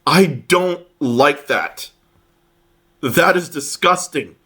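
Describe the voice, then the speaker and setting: A man commenting on online posts, reading them aloud in a halting way with many fillers and restarts. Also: on the high side, lively intonation, a bit bright, husky. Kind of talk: casual commentary over screenshots.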